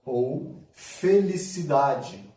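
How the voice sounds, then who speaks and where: A man's voice: medium pitch, very animated, very slow, mellow, distant mic. A man with a Brazilian accent teaching a literacy lesson, patiently sounding out syllables one by one. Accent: Brazilian Portuguese. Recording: echoey room, voice off-mic.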